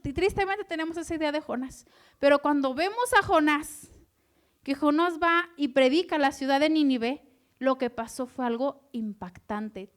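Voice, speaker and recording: High-voiced woman preaching a sermon. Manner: animated, asks the audience questions.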